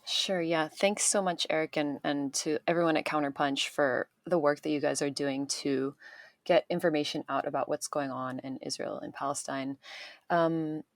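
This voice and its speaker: A woman in her thirties, raised in Chicago, speaking as an interview guest, thoughtful and pausing often as she restarts sentences. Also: sits low, fairly even intonation, no room sound. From Chicago, United States. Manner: thoughtful, many pauses and restarts. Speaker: guest, artist and activist. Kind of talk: interview conversation. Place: home in Japan, remote call.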